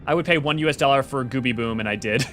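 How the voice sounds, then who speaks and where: A man hosting a casual livestream, reading viewer comments aloud and rambling excitedly with quick restarts. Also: medium pitch, a little hiss or hum. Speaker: livestream host.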